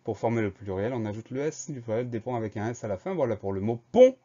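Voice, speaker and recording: A male spelling teacher, patient and methodical, breaking each word into syllables and spelling it out letter by letter. His voice is mellow and low-key, neither high nor low. The recording is a little dull and muffled. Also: animated, quick pace. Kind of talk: spelling lesson, dictation preparation. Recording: slightly dull lo-fi sound.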